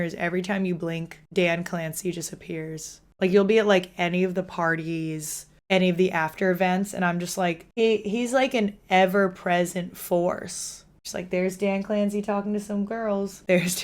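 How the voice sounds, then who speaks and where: Young woman streamer, casual rambling chat with lots of fillers and laughs. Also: on the low side. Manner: chatty, frequent "like" fillers, laughs while talking.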